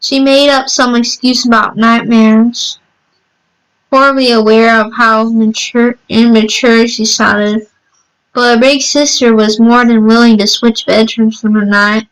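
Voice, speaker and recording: A woman reads a scripted horror story aloud in a fairly high, clean voice. Her pace is very slow, and she halts now and then to repeat a word or correct a stumble. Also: little pitch movement, clear, resonant tone, low-quality recording. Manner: halting reading with repeated words and stumbles. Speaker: narrator reading a fan horror story.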